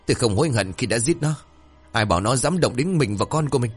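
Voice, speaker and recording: A ruthless young master, played by a male narrator, barking short, commanding questions. His voice jumps sharply in pitch when he is shaken. Faint music sits underneath. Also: expressive, fast talker, close to an everyday voice. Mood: harsh. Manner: curt, commanding. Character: harsh young master, ruthless wife-killer.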